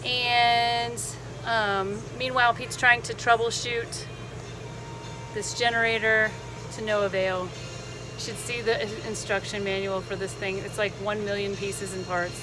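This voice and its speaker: A woman telling a casual vlog story with a sarcastic lilt, chatty and animated. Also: mid-range voice, measured pace, over music. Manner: sarcastic lilt, playful mock enthusiasm. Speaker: travel vlogger. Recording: noisy vehicle ambience behind voice.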